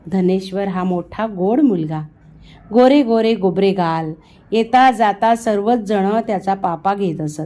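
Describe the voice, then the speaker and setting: A woman narrating a children's story in a gentle, measured way. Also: mid-range voice. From India.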